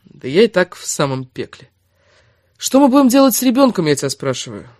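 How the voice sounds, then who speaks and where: A man voicing a blunt, exasperated young man in an audiobook, scolding and sometimes going cold and flat. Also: high-pitched, brisk, no room sound, studio quality, pitched above the performer's own voice. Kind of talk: audiobook character reading.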